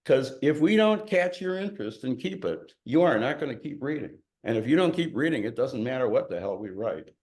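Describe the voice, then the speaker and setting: A man's voice: mid-range voice, very animated, fairly quick, few pauses, a little mellow. An older man from Chicago, a novelist giving an informal talk to an audience in a candid, self-deprecating and emphatic way. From Chicago, USA.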